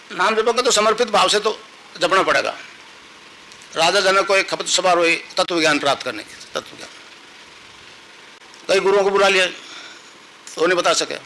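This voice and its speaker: Bright-voiced man giving a devotional discourse. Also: high-pitched, a little hiss or hum, rough recording. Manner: storytelling, instructive, chants mantras. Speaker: spiritual teacher.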